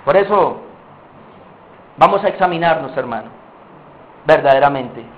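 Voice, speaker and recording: A man's voice: fairly high pitch, lively intonation, unhurried, dull audio, slight background noise. A male pastor preaching an emphatic sermon, often calling the congregation "brothers". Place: church. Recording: echoey church hall.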